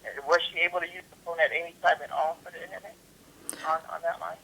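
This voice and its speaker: A man's customer service voice on a telephone call, very bright and forward with a gravelly rasp. He is polite and procedural, often repeating words haltingly as he works through an account. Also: a little high, steady tone. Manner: halting, repetitive phrasing.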